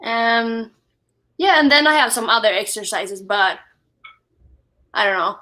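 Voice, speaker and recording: A young adult woman from Sweden with a Swedish accent, a drummer talking in a casual live-stream interview, halting, with many fillers and restarts. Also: on the high side, expressive, pushed and bright, a little hiss or hum. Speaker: guest drummer. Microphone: wireless headphones.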